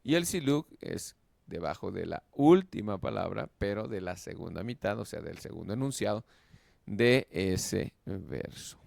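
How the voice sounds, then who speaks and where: Slow, gravelly man teaching Hebrew. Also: low voice, animated, a little mellow, no echo, studio quality. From Mexico. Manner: slow, explanatory, keeps asking "¿verdad?". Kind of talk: lecture.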